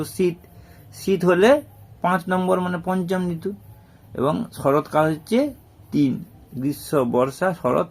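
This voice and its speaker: A man gives a classroom lesson for young children. His voice sits a little high, and he repeats and counts items aloud slowly and patiently. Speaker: primary school teacher.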